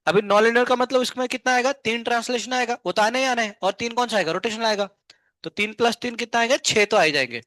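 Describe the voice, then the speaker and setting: Physics teacher guy, high-ish voice, asks then answers his own questions, dry sound. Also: a bit bright, no room sound. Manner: asks questions and answers them himself, then slowly dictates notes. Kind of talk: classroom lecture. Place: classroom.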